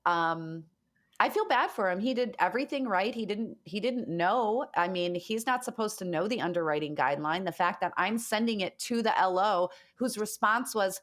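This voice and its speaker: A woman's voice: medium pitch, lively intonation, moderate pace, fairly bright tone. A woman co-hosting a podcast, chatting casually in a forthright way and swearing freely. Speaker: podcast co-host, mortgage lender.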